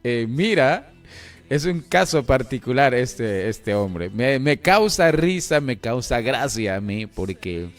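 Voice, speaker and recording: A man's voice: medium pitch, slow, soft background music. A man preaching a sermon, chuckling often and asking "¿no es cierto?" again and again. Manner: animated, chuckling, repeats "¿no es cierto?".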